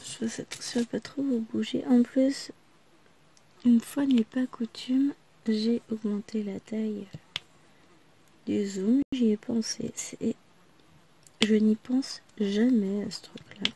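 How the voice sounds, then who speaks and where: A woman's voice: a little high, fairly even intonation, takes it slowly, vocal fry, pauses often, warm tone, husky. A woman vlogger chatting casually to her viewers in a rambling way, her voice still breaking now and then after she lost it. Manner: rambling, chatty, many small asides.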